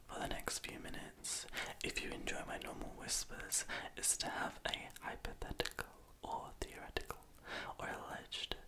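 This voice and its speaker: A young adult speaking in a soft, breathy, unvoiced whisper, rambling hesitantly and self-deprecatingly to the viewer in an ASMR style. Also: low-quality recording. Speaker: ASMR video creator. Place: small room in a house at night.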